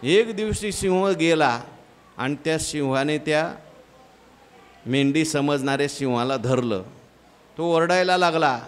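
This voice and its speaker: A man giving a devotional sermon. He tells a story in plain speech and slowly intones scripture verses. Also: fairly high pitch, expressive. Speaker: spiritual discourse teacher.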